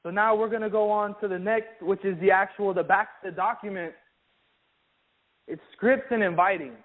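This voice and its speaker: A man leading an energetic business training talk, who keeps calling his listeners "guys". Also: high-pitched, normal speed. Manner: energetic, keeps saying "guys", acts out sample calls. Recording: tinny phone-like sound.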